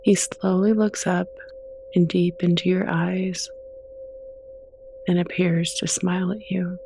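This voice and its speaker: A soft-spoken, gentle meditation guide reading slow, soothing scripted narration with unhurried pauses and a creaky edge. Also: mid-range voice, little pitch movement, slight background noise.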